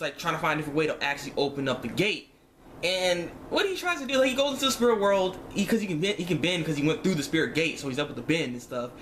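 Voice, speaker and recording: A man with a somewhat high, slightly bright voice reviews an animated series episode for his viewers, with a little noise in the background. His chat is casual and full of slang, and he repeats himself a lot while acting out his reactions.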